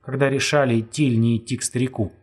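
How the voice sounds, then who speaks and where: A man voicing a frightened young man who pleads tearfully, with a husky voice. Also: medium pitch, fairly even intonation, very fast, a little mellow, lightly acted.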